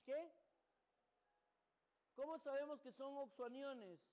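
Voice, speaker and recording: Profesor de química con voz muy aguda. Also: male voice, very high-pitched, slow, darkish tone. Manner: asks students questions then answers them himself. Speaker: chemistry teacher. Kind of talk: classroom lecture with questions to students. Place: classroom.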